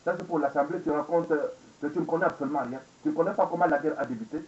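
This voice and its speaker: A man's voice: on the high side, very fast, a little mellow. A man in his forties delivering an angry, rambling monologue full of repeated phrases and rhetorical questions, recorded on a webcam indoors. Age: 40s. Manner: angry, repetitive, rhetorical questions, code-switching into English. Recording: echoey dull lo-fi webcam recording.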